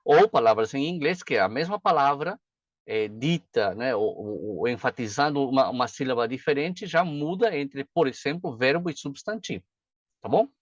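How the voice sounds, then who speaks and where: Chatty teacher, dull dry recording. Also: male voice, medium pitch, animated, normal speed, no room sound. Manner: chatty, frequent "tá?" and "né?" check-ins. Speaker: pronunciation teacher. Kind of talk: casual video lesson.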